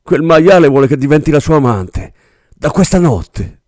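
A man voicing a scared young male clerk who pleads in a high, strained, hurried voice, in an audiobook reading. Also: lively intonation, darkish tone, no room sound, studio quality, close to an everyday voice. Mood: frightened, pleading.

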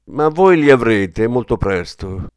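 A man's voice: medium pitch, animated, unhurried, clear, resonant tone, no room sound, natural voice. A man voicing a tough, hard-bitten former policeman who speaks with cool, dry menace. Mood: menacing. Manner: cool, threatening, dryly mocking.

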